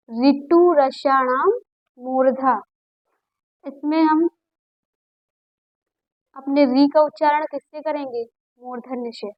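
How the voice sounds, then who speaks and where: A woman's voice: high-pitched, no echo, highs cut off. A woman teacher giving a lesson, patiently repeating sounds aloud for students to copy. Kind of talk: classroom lesson on Hindi phonetics.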